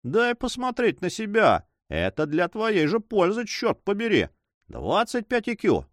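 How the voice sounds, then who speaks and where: A man voicing a mocking male auction agent who calls out bids in a drawling monotone. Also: high-pitched, measured pace, no echo, studio quality, voice pushed up, exaggerated voice. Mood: coaxing. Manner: drawling, sneering.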